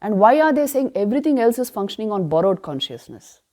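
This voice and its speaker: A very animated woman of medium pitch teaches a scripture class at a retreat, her tone warm and mellow. She raises rhetorical questions only to answer them herself emphatically, and sometimes eases into a slow chant of the verses.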